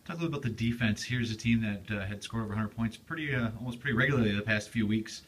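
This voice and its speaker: A man interviewing a coach after a game, opening with a brisk announcer-style intro. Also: lowish voice, fairly bright tone, a little hiss or hum. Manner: brisk, scripted-sounding intros. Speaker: team broadcaster interviewer. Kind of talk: postgame interview questions.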